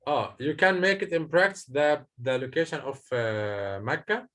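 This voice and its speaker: A man's voice: a little high, animated, normal speed, fairly bright tone. A male teacher in a classroom, patiently explaining a lesson to students step by step with frequent hesitations. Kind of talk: classroom lesson, questions and answers.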